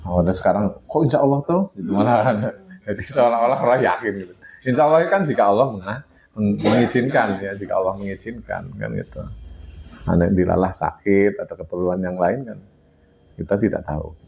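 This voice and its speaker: A man's voice: lowish voice, brisk, gravelly, a little mellow. A man with a Javanese accent giving a casual religious lesson to a study group, often chuckling and acting out everyday dialogue. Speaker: religious teacher. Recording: dull lo-fi recording with faint hiss.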